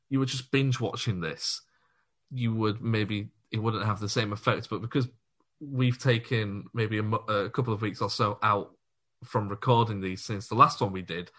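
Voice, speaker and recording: A man's voice: medium pitch, bright, forceful tone. A man co-hosting a podcast, chatting casually and enthusiastically, laughing easily. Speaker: podcast co-host. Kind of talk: casual chat.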